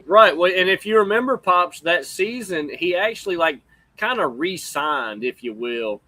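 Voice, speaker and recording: A man's voice: sits high, animated, moderate pace, sharp tone, no echo. A man with a folksy drawl, casually chatting about sports as a co-host.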